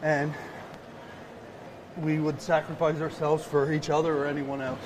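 Halting middle-aged man over clear gym noise. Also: a little high, little pitch movement. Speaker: crisis response team member being interviewed. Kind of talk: live interview answers. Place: indoor gym, on a stair climber. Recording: noisy gym with machines behind.

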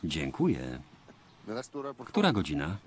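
Brief: low-voiced male voice-over reader, measured but with a varied pitch, noisy track. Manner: steady, measured reading of all parts. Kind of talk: voice-over reading of translated dialogue.

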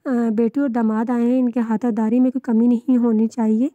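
A woman's voice: fairly high pitch, little pitch movement, moderate pace, no room sound, lo-fi sound, natural voice. Woman voicing a welcoming father. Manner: warm, hospitable. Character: welcoming middle-aged father.

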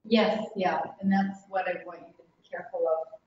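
A woman's voice: on the low side, steady tone, moderate pace, a little mellow, a little hiss or hum. A woman teaching a class in a casual, chatty way, often laughing as she explains. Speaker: instructor. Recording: echoey, distant, dull classroom recording.

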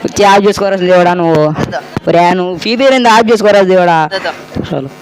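A man performing a comedic skit as an excitable cricket fan who keeps shouting at others. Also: high-pitched, fast, crowd noise, poor audio.

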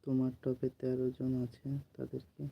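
A man doing a late-night live stream from home, speaking softly so he won't wake the household and repeatedly asking viewers to comment. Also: medium pitch, completely flat delivery, normal speed, vocal fry, lo-fi sound, a little hiss or hum. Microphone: phone.

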